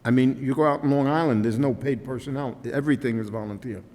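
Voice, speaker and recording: A man's voice: mid-range voice, quick pace, darkish tone. A man on the board, speaking in a rambling way and piling up examples at a public meeting. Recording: long reverb of a meeting hall.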